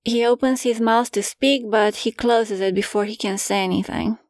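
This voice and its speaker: A woman's voice: a little high, steady tone, moderate pace, no echo, clean studio sound. A woman narrating a first-person erotic story in a playful, teasing manner.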